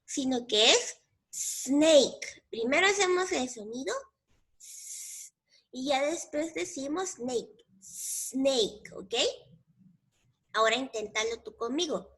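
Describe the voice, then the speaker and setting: A woman's voice: high voice, lively intonation, unhurried, pauses often, pushed and bright, husky. A woman teacher with a Mexican Spanish accent, giving a patient bilingual English lesson to young children and repeating each word in both languages.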